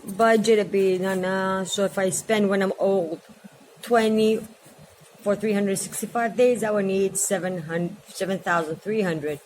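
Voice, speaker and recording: A woman in her forties talks to her vlog viewers at home in a loose, rambling way, hopping between subjects. Her voice sits at an ordinary middle pitch. A faint hum of background noise runs under her talk. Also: steady tone, measured pace, a little mellow. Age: 40s. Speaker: vlogger. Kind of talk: casual vlog chat.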